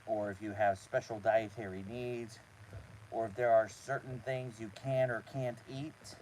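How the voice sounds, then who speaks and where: A man hosting a casual live stream from inside a small trailer, talking to his chat in a halting way with repeated words. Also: fairly low pitch, fairly even intonation, darkish tone, slight background noise, low-quality recording. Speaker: host of a live show.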